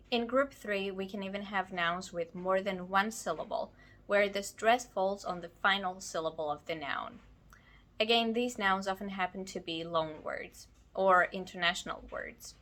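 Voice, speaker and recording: A woman giving a scripted language lesson, explaining slowly and carefully while ill and low on energy. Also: fairly bright tone. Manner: slow, careful explanation with words spelled out. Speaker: language teacher.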